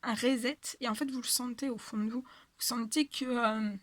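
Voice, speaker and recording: A woman reads tarot cards in a loose, rambling monologue, circling back on her words and filling pauses. Her voice sits a little high and sounds worn from talking for a long time. The recording is dry and close, with no room sound. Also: fairly even intonation, no room sound. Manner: hesitant, many fillers and repetitions. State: tired voice after an hour of talking. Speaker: tarot reader. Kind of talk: casual spiritual guidance monologue.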